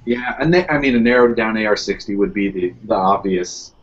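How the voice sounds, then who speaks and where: A man's voice: lowish voice, fairly quick, muffled recording, noisy background. A man hosting a casual podcast chat, rambling and filling his talk with "you know" and restarts. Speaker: podcast host.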